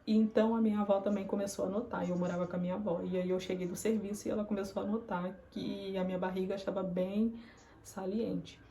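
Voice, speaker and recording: Young woman vlogger, soft dark tone, earnest confiding storyteller. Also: medium pitch, level tone, quick pace, slight background noise. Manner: earnest, confiding, acts out remembered dialogue. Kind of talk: personal storytelling to camera.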